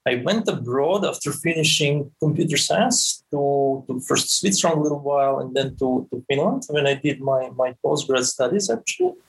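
Man, husky, repeating words. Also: medium pitch, animated, moderate pace, hardly any pauses, low-quality recording. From Serbia. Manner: frequent stammered restarts, repeating words. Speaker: guest, game creative director. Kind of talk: podcast interview.

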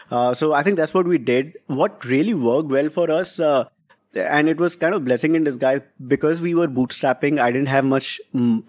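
A man's voice: medium pitch, darkish tone. A man with a North Indian accent giving conversational interview answers as a founder, switching between English and Hindi and often checking in with "right?". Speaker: interview guest, startup founder.

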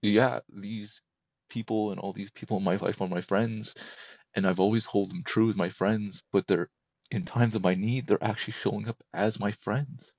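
A man in his thirties, a podcast guest, talking candidly and emotionally in a halting, repetitive way that keeps circling back. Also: on the low side, fairly even intonation, a little mellow, no room sound, dull audio. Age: 30s. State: emotional, close to breaking. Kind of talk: candid personal conversation.

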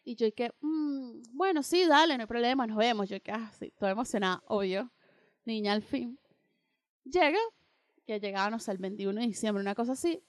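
High-voiced young woman telling a story. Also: a little fast, no room sound, studio quality. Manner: animated, acts out both sides of dialogues. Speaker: radio co-host. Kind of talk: casual storytelling chat.

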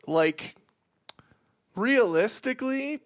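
A man with a Canadian accent in casual podcast conversation as co-host, recalling things in a halting, informal way. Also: very high-pitched, expressive. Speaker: podcast co-host and audio engineer. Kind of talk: casual chat.

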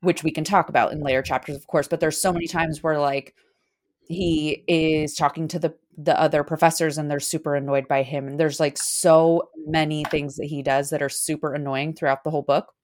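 A woman's voice: low voice, steady tone, fairly quick, a little mellow. A woman co-hosting a casual fan podcast, talking thoughtfully and hesitantly. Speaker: podcast co-host. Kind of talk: casual chat.

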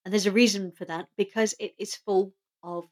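Woman, podcast co-host, casual chat, animated retelling, mid pitch. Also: moderate pace. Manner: chatty, animated retelling with quoted lines. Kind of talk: casual chat recapping a TV episode.

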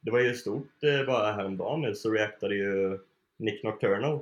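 A relaxed young man from Sweden chats about his band in a loose, unhurried way, dropping fillers and laughing easily. His voice sits fairly low, and the room around him rings with a noticeable echo. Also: dull audio. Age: young adult. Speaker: band member, guest. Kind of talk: casual interview chat.

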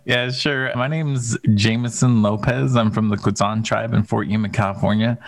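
A man from Phoenix with a lowish voice talks casually about growing up, dry and understated in his humor. He is recorded close, with no room sound. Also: steady tone, normal speed, dry recording. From Phoenix, Arizona. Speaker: guest, assistant professor. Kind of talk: casual interview. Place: home study.

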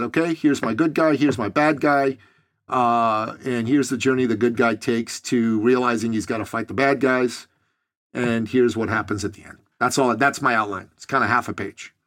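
A man from Iran hosting a casual podcast interview, easygoing and quick to laugh at himself. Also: mid-range voice, a bit bright. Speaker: podcast host.

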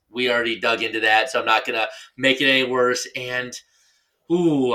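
A bright, lively man co-hosting a casual football podcast. He rambles through his picks and teases his partner between games. His tone stays loose and joking. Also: mid-range voice. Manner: playful, teasing, rambling. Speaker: podcast co-host. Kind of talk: casual sports chat.

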